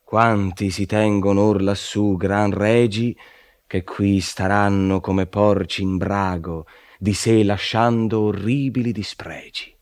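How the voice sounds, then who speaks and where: A man voicing a wise elder poet who guides a traveler, speaking in a measured, solemn and reassuring way, in a dramatic poetry reading. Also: lowish voice, fairly even intonation, darkish tone, dry recording, clean studio sound.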